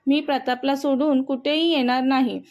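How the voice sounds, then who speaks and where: A woman voicing a gentle, devoted young wife, speaking softly and earnestly in a storybook. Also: high-pitched, steady tone, moderate pace. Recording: dull, muffled audio.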